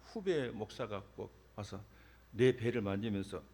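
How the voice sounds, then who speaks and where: A man's voice: lowish voice, a little slow, slightly rough. A middle-aged Korean man, a pastor preaching a sermon and telling personal stories, acting out the dialogue in them. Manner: animated storytelling, acts out dialogue. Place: church sanctuary. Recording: long reverb of a church hall.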